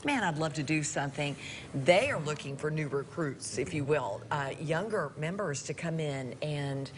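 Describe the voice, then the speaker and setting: A woman's voice: sits low, expressive, normal speed, slight background noise. A woman hosting live television coverage as a parade commentator. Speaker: parade broadcast host.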